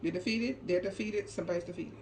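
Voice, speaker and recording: A channel host who reads tarot delivers an informal, unscripted spiritual card reading at a quick pace in a lowish, slightly mellow voice. Expect emphatic repetition and many short check-in tags, with clearly noisy ambient sound behind her.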